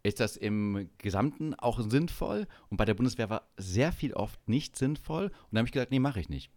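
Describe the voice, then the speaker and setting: A man's voice: on the low side, expressive, normal speed, no room sound. A man in casual podcast talk, blunt and profane, retelling stories from his military service with energy. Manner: blunt, swearing, acts out shouting officers in anecdotes. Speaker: podcast co-host. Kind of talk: casual chat.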